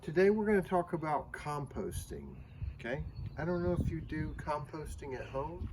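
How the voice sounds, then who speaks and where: A man's voice: a little high, lively intonation, normal speed. A man with an American accent hosting a children's how-to show, explaining in a casual, plain-spoken, folksy way while outdoors. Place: outdoors, backyard. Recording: noisy outdoor ambience.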